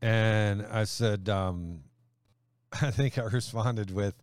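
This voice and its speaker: A man's voice: fairly low pitch, slow pace, clear, resonant tone, dry recording. Man from Honduras, podcast host, casual Bible chat, easy laughter, dry close recording. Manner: laughs easily, reads scripture aloud.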